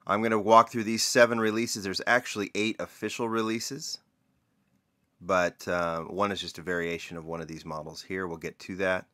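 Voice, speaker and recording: A deep-voiced man gives a casual toy car showcase, his tone low but with a forceful, bright edge. He talks in a conversational, opinionated way, with plenty of ums and uhs between points. The sound is dry and close, with little room around it. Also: fairly even intonation, normal speed, dry recording. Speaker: toy car collector reviewer.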